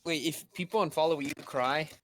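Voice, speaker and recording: A man's voice: a little high, brisk, fairly bright tone, slight background noise. A young man chatting on a live stream, joking, swearing freely and getting defensive when teased. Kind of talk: casual chat on a live stream.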